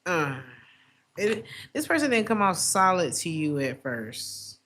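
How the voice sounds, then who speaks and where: A woman with a raspy smoker's voice, chatting casually and playfully as she gives a live tarot reading. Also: lowish voice, sing-song, unhurried, a bit bright, slight background noise. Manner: playful, breaks into song lyrics and acted asides. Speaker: tarot reader hosting a livestream.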